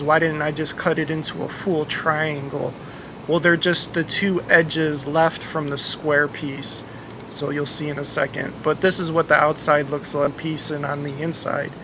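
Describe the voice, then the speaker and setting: A man's voice: on the high side, pushed and bright, slight background noise. A man casually narrating his home-repair project, rambling with lots of ums and the odd swear word, his voice a bit worn. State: losing his voice. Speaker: homeowner vlogger.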